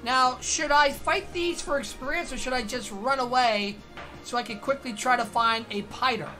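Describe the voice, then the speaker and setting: A woman's voice: high voice, normal speed, pushed and bright. A woman streaming a video game, thinking aloud and asking herself questions as she plays. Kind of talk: casual gameplay commentary. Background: faint game music.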